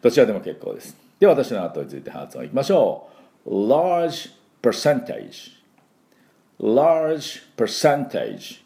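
Lively Japanese man teaching English pronunciation. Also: on the low side. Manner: slow, drawn-out model words for the listener to repeat.

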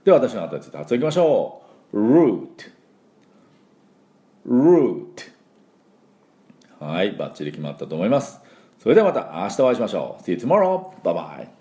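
Low-voiced man teaching pronunciation. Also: big pitch swings, dark tone, roomy sound. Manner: chatty, frequent fillers, demonstrates sounds slowly. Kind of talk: casual spoken lesson.

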